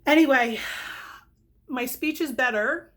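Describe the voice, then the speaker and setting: A woman's voice: high-pitched, slow. Chatty woman with whistling s sounds. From lives in New York, United States. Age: middle-aged. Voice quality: whistling, spitty s sounds from dental trays. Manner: rambling, self-correcting, candid. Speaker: vlogger and direct-sales consultant reviewing products. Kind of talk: casual rambling product chat to camera.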